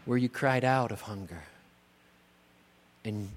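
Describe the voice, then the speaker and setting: A middle-aged man, a pastor, preaching a sermon in a church, slow and emphatic, building on repeated rhetorical questions. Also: mid-range voice. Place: church sanctuary. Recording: long church-hall reverb.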